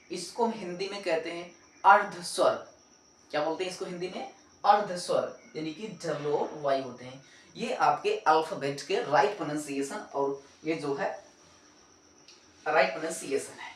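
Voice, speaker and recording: This English teacher, a man with a fairly high voice, moves at a moderate pace with long pauses, and a faint hiss or hum is audible. He runs a classroom-style pronunciation lesson, asking his own questions, answering them, and repeating each sound. A distant mic adds roomy echo.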